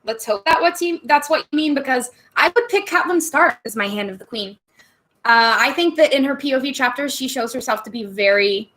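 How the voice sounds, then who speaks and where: A woman with a medium-pitched, slightly bright voice hosts a casual livestream, chatting with viewers and answering their questions. Giggly and talkative, she laughs often between answers, sips wine on stream, and jokes about getting tipsy.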